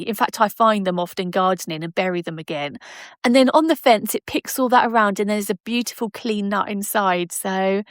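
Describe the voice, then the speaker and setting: A woman's voice: a little high, no echo, clean studio sound. A woman hosting a podcast from home, chatting in a digressive way and laughing often. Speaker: podcast host. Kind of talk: casual chat. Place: at home by patio doors.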